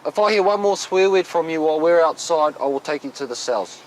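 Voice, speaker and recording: Male cop, broad Kiwi accent, higher-pitched voice, blunt and matey, recorded on a noisy street. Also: animated, a little fast. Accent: broad New Zealand. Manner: blunt, firm, colloquial. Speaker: police officer. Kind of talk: on-the-job talk with members of the public. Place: outdoors on a residential street. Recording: noisy outdoor location sound with traffic.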